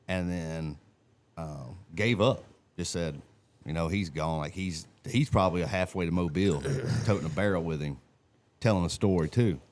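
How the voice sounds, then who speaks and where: A man, co-hosting a live stream and telling stories in a colorful, animated way. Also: sits low, moderate pace. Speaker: co-host. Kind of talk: casual live-stream chat and storytelling.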